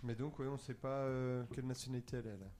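A man's voice: medium pitch, steady tone, fast, dark tone, faint music behind. A man leading a casual group guessing game in French, prompting others with questions. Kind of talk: casual classroom quiz chat.

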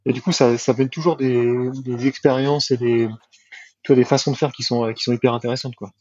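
A man hosts a casual podcast interview in a mid-pitched voice. He sounds relaxed and hesitant, leaning on fillers and repeating himself. The recording is dry and a little dull. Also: brisk, no room sound. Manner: relaxed, hesitant, many "euh" and repetitions. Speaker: podcast host. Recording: dry, dull, slightly lo-fi mic.

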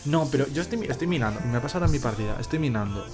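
A young man co-hosting a casual home podcast, telling game stories in an animated way with many restarts. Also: medium pitch, racing, soft background music. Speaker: podcast co-host. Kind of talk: casual chat about video games. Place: home room, small setup.

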